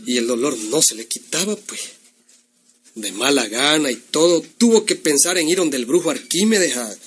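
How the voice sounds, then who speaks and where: A man's voice: on the high side, animated, moderate pace, a bit bright, a little hiss or hum. A man narrating a folksy comic tale as a storyteller. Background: guitar music.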